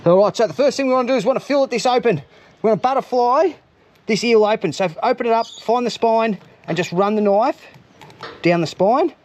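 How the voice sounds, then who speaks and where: An Australian man hosts a fishing and cooking vlog outdoors, chatting casually and upbeat to his viewers in a very high voice at a fairly quick pace.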